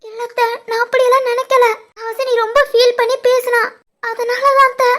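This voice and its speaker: A woman voicing a timid young daughter-in-law in an animated family drama, meek and pleading, with a Tirunelveli Tamil accent. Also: very high-pitched, a little fast.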